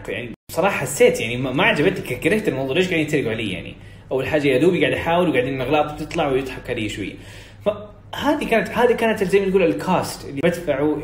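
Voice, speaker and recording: A young man from Saudi Arabia with a Hijazi accent, coaching in an energetic, encouraging, casual teaching way. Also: on the high side. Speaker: English speaking coach. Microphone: phone video story. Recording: roomy echo, faint room hiss.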